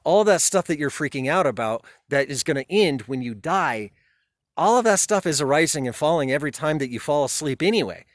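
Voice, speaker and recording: A man's voice: a little high, lively intonation, brisk, no room sound, clean studio sound. Casual rambling man explaining philosophy. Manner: loose, rambling, with restarts and swearing. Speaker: commentator. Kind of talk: casual spoken commentary.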